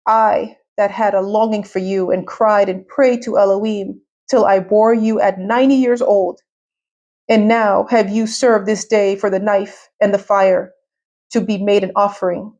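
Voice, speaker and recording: A woman reading the slow, mournful lament of a devout, grieving elderly mother. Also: medium pitch, fairly even intonation, a little mellow, lo-fi sound, close to an everyday voice.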